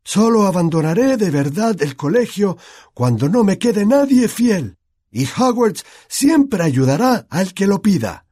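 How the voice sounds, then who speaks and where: Brief: man reading an old headmaster, slow, solemn and raised in pitch. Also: sing-song, dark tone, heavily acted. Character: old wise male headmaster, grave and kindly.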